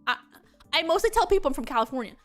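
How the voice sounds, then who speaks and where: A woman's voice: high voice, very animated, rapid-fire, a bit bright, soft background music. A young woman streamer chatting casually and telling rambling, giggly stories. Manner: rambling and giggly, with frequent laughs and filler words. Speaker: VTuber streamer. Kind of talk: casual chat stream, storytelling.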